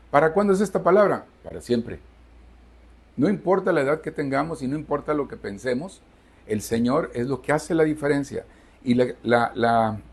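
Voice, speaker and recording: His voice sits in the mid range with a slightly rough texture. The Mexican pastor, in his sixties, preaches emphatically at a Sunday church service, asking his congregation questions and then supplying the answers.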